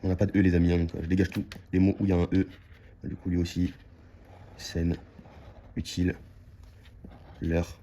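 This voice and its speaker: A man's voice: deep voice, little pitch movement, moderate pace, long pauses, mellow, slight background noise. A man giving casual running commentary to his viewers while scratching lottery tickets, repeating words as he checks them. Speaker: scratch-card vlogger.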